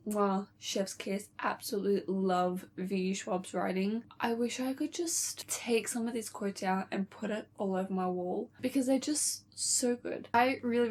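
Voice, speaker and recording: A woman's voice: medium pitch, slight background noise. A young woman vlogger chatting casually about books she is reading, gushing and chatty with lots of "like" and "really". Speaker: book vlogger.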